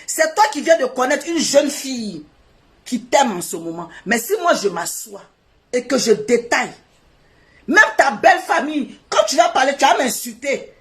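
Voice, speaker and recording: Middle-aged woman ranting at someone, defiant, voice jumps all over, kinda high. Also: big pitch swings, moderate pace. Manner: indignant, defiant, swinging from loud to quiet. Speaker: online personality addressing a rival. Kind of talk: emotional live video monologue. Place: seated indoors.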